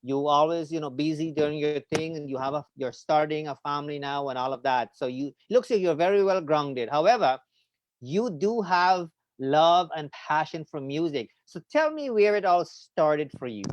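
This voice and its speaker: Speaking through a video call webcam from a room with trophies and a bookshelf, a middle-aged radio host runs his interview show from home. He sounds a little high and animated at a normal pace, chatty and meandering with lots of fillers, and the audio is muffled with no echo.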